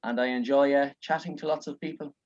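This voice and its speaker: A man's voice: mid-range voice, fairly even intonation, quick pace, darkish tone. Irish man, 30s, outgoing chatty guest, muffled lo-fi video call. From Ireland. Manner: outgoing, chatty, frequent uhs. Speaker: guest speaker. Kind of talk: casual video-call chat. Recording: dull lo-fi call audio.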